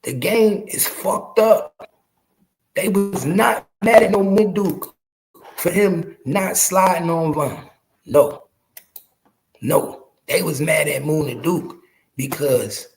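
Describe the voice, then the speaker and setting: Speaking slowly with a slightly high, creaky voice and long pauses, this early-forties man hosts a podcast. He delivers loose, slang-heavy street commentary to his viewers, swearing for emphasis and repeating lines to drive the point in.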